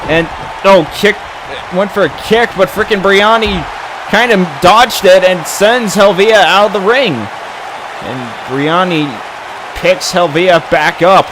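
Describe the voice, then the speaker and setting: A man working as a wrestling commentator, giving excited, exclamatory play-by-play in halting bursts with mild slangy expletives. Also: high voice, crowd noise, noisy background.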